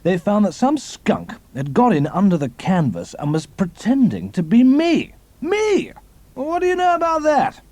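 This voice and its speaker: Loud, indignant drunken traitor, voice raised. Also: male voice, a little high, wildly swooping pitch, normal speed, few pauses, no room sound. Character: drunken, boastful, suspicious male wartime traitor. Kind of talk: audio drama acting.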